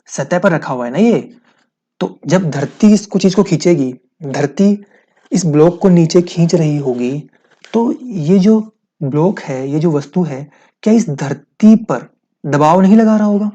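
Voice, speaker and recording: A man's voice: a little high, expressive, measured pace, mellow, lo-fi sound. A man teaching a physics lesson, explaining step by step, asking his students questions and repeating key points.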